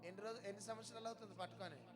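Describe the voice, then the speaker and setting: A man preacher leading a deliverance prayer, firing repeated commands and questions and bursting into shouts. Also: sits high, fairly even intonation, very fast, noisy background. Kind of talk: charismatic deliverance sermon. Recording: loud music behind the voice.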